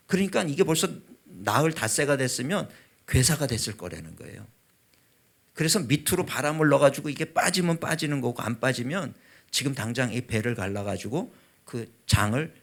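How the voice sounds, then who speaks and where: Gravelly emotional Korean pastor preaching. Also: male voice, mid-range voice. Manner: emotional storytelling, voice rising and dropping sharply. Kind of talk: revival sermon testimony.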